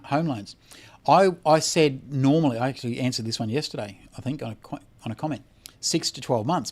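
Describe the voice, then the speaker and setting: A tired Australian man hosting a casual credit repair livestream, reading out chat comments and answering bluntly with a lot of swearing. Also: medium pitch. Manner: blunt and profane, swears freely.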